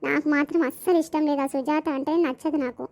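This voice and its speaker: Lady doing a jealous whiny young woman, super high and fast. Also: steady tone, creaky, a little mellow. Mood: resentful. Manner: complaining, resentful whining. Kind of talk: animated village comedy voicing.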